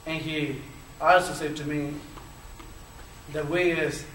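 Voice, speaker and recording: With a slightly high, fairly bright voice and a steady tone, a Chilean man slowly tells his personal story as a panelist. He speaks with a Chilean Spanish accent, stuttering and using many fillers. The lecture hall sounds echoey and distant, with a faint hiss of noise.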